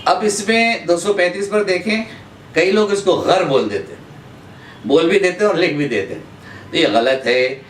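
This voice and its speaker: A man from India teaching an Urdu pronunciation lesson, going through words in a measured way, repeating each one and pausing on drawn-out "uh" fillers. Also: high voice, far from the mic. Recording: echoey room, voice off-mic, faint background hum.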